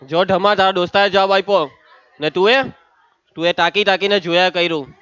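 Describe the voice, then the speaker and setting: A man's voice: high voice, steady tone, fairly quick, a bit bright, clear, resonant tone, dry recording, muffled recording. A man teaching a maths lesson, teasing and calling on students by name. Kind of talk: lively classroom lesson.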